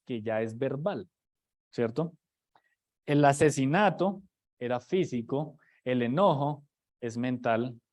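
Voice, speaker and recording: A preacher teaches a sermon in a loose, conversational style, restarting phrases and tossing rhetorical questions at his congregation. His voice is a little on the high side for a man and a little mellow.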